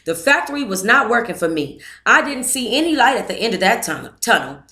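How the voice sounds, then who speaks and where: Her voice sits on the high side, brisk and very animated with a sharp tone. As book club host, she reads a first-person memoir aloud, breaking off at times to thank the audience and offer remarks.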